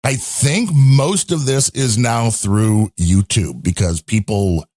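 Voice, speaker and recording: A man on a casual talk show, telling a long, animated, rambling story about a storm and his week. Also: on the low side, takes it slowly, dry recording, clean studio sound. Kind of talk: casual chat. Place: home in a storm-hit area.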